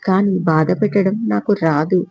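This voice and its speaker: A man's voice: high voice, steady tone, moderate pace, vocal fry, a little mellow, no room sound, dull audio. A man voicing a grandiose lovesick rowdy, Blade Uma. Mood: pleading. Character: lovesick small-time male rowdy, grandiose and self-important.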